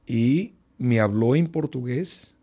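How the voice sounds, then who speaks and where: A man, a pastor, telling a testimony as a radio guest, unhurried, with many fillers and repetitions. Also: mid-range voice, dark tone.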